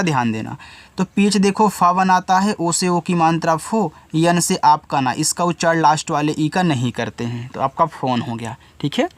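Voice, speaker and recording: A man's voice: a little high, no echo. A man teaching English spelling in Hindi, who spells each word out letter by letter and then patiently explains how every sound is read.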